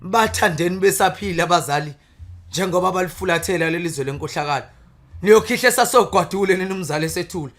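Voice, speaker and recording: A man's voice: high voice, fast talker, a bit bright. A man with a Zulu accent reciting praise poetry in an impassioned, declamatory torrent. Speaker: guest, praise poet.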